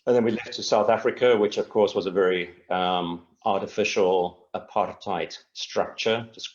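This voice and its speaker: A man's voice: on the low side, fairly even intonation, moderate pace, muffled recording. A middle-aged man from Tanzania, a guest speaking in an earnest, reflective and meandering way in a casual interview over a video call.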